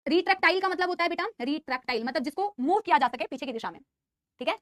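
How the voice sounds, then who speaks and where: A woman's voice: high voice, fast talker, no room sound. A woman teaching biology in a live online class, mixing Hindi with English and calling her students "beta". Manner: scolding yet insisting she is calm.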